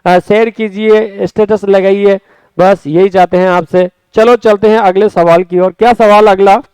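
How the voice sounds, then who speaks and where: A man teaching a spoken exam-prep Hindi lesson, lively, stretching words out and calling his students friends, with a Rajasthani Hindi accent. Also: sits high, unhurried, clean tone, no room sound, rough recording. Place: classroom or studio.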